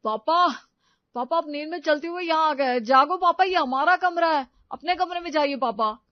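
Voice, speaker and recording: A woman's voice: very high-pitched, flat delivery, a little slow, no room sound, lo-fi sound, pitched above the performer's own voice. A woman voicing a worried grown-up son who pleads urgently. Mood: urgent pleading.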